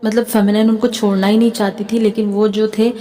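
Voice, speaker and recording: Speaking a little fast in a mid-range, mellow voice with a level tone, a woman with an Indian accent channels spiritual messages to camera. She's a spiritual healer and tarot reader who chats casually, often checks in with her listeners, and keeps tossing in "theek hai," all under a long reverb tail.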